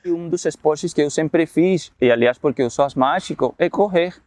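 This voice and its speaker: A man's voice: on the high side, darkish tone, no room sound. Reflective man with a dry, close sound. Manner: reflective, explanatory, measured. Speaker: university refugee program worker. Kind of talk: documentary interview.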